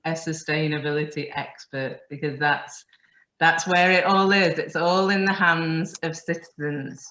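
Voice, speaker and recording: Low-voiced woman host on a muffled call. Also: fairly even intonation, unhurried, fairly bright tone. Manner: chatty, laughs often. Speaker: podcast host. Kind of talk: casual interview. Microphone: video call. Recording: muffled roomy call audio.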